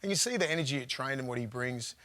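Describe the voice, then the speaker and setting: A man, a former player, telling rambling, animated stories in casual chat and laughing often. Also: mid-range voice, fast, slight background noise.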